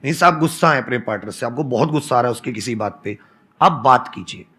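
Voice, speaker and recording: A man's voice: mid-range voice, expressive, fast talker, bright, forceful tone, breathy edge. A man in his thirties, a teacher and co-founder, telling stories earnestly and counting off his points on a panel. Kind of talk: conversational panel talk.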